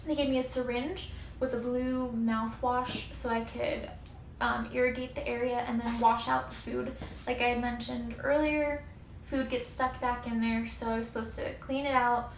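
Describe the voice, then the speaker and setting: Higher-voiced woman in an echoey room. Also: level tone, moderate pace, gravelly. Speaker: vlogger telling a recovery story. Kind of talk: casual personal storytelling to camera. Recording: echoey room with faint background noise.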